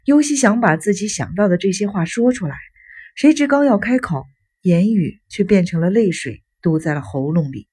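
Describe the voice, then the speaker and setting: A woman narrating an audiobook in a measured, gentle storytelling manner. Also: medium pitch, animated, breathy edge.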